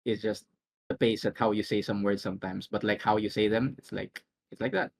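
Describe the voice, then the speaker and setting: A man's voice: fairly low pitch, flat delivery, vocal fry. A man from the Philippines, a podcast guest chatting casually, joking and laughing often. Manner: laughing, joking, quick asides. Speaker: podcast guest, tournament organizer. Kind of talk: casual chat.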